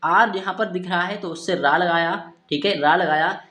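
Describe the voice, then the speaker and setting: A man's voice: high voice, moderate pace, sharp tone. A man teaching Hindi speakers to read English words, spelling them out letter by letter and asking questions he then answers himself. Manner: repeats "ठीक है" and asks-then-answers questions. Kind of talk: phonics lesson for Hindi speakers. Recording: roomy echo.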